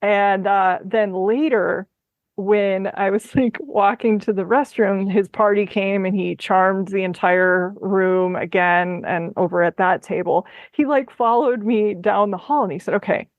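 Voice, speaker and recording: A woman's voice: mid-range voice, steady tone, measured pace, no echo, phone-quality sound. A woman hosting a podcast, chatting casually and telling a story with frequent laughs. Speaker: podcast host. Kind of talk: casual conversation.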